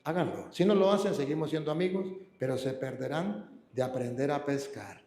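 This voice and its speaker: A man preaching as a priest, emphatic and then slowing to a calm hush on key words. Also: on the high side, echoey room. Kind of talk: sermon teaching scripture reading.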